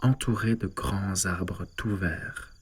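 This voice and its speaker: A man leading a guided sleep meditation and bedtime story, speaking softly and calmly. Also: low voice, husky. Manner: slow, soft, calm guiding delivery. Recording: soft ambient synth music underneath.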